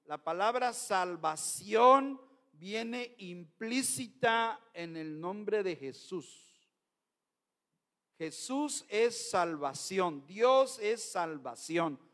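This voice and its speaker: A man's voice: high voice, expressive, very slow, fairly bright tone. A middle-aged man, preaching a Sunday sermon as pastor, emphatic and often calling out to his brothers in the congregation.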